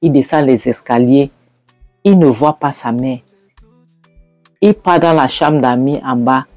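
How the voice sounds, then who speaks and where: Storyteller narrating a movie scene by scene, lots of ums, mid pitch. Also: a little slow, darkish tone, no room sound, soft background music. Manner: hesitant, with fillers and acted quotes. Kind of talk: retelling a film scene by scene.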